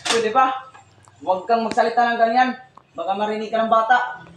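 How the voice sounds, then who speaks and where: A young man acting as a worried father who gently pleads with his wife and daughter, for a school film. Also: very high-pitched, steady tone, brisk. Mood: pleading. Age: young adult. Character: worried father trying to calm his family. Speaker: student actor. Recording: echoey room, distant mic, noisy.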